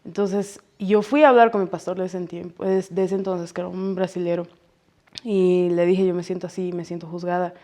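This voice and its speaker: A woman in her thirties hosting a casual podcast conversation, telling lively stories and acting out what people said. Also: lowish voice, fairly quick. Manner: lively storyteller who acts out quoted speech. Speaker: podcast host.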